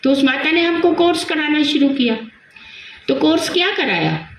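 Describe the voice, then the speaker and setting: A woman's voice: sits high, big pitch swings, moderate pace. Older woman recalling, very echoey hall. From Delhi, India. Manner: reminiscing, repeats words while recalling. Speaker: Brahma Kumaris sister sharing her experience. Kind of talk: personal spiritual testimony. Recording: very echoey, dull lo-fi sound, faint hiss.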